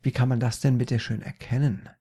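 A man voicing a dim-witted, whiny grown man in a comic spoken story, raising his voice high and loud. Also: little pitch movement, brisk, slightly rough, lightly acted. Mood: indignant.

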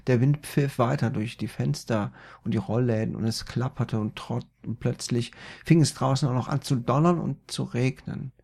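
A man's voice: medium pitch, normal speed, gravelly, few pauses, a little mellow, slightly rough. A man narrating an improvised spooky story in a playful way, with slips and self-corrections.

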